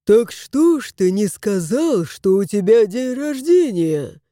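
A woman's voice: medium pitch, sing-song, takes it slowly, mellow, dry recording, clean studio sound. A woman voicing a lazy, smug plump male house cat who drawls and teases. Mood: teasing. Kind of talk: audiobook character voice.

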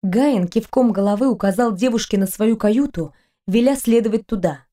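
Lady narrating an audiobook, slightly high voice, steady even reading. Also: moderate pace. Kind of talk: scripted narration.

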